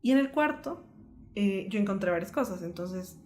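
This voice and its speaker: A young woman from Colombia earnestly telling a painful personal story as a podcast co-host, in a lively, flowing way. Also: medium pitch, moderate pace.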